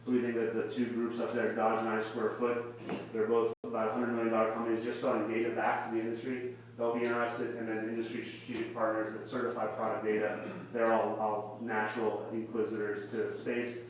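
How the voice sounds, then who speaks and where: Fast, monotone male pitcher, distant, roomy sound. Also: a little hiss or hum. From Florida. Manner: fast, salesy, persuasive. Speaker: startup founder pitching. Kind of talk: live pitch presentation. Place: event space at a tech meetup. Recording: echoey room, mic far off.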